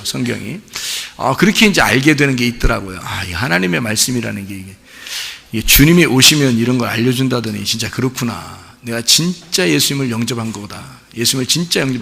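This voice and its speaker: Man, pastor, sermon, gravelly voice, bright tone, echoey church hall. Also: medium pitch. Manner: conversational storytelling preaching, acts out his own prayers. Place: church sanctuary.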